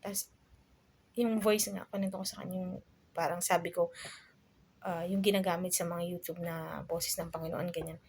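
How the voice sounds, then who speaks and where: A woman's voice: lowish voice, flat delivery, normal speed, long pauses, darkish tone, a little hiss or hum. A young adult woman from the Philippines telling a personal story in a casual vlog, full of fillers and asides to her viewers. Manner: chatty, many fillers, addresses viewers as guys. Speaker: vlogger.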